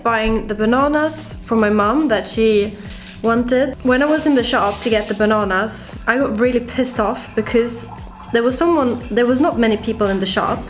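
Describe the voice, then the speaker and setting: Chatty young woman vlogging at home. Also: a little high. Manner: chatty, peppered with "like". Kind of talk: casual home vlog. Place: home kitchen.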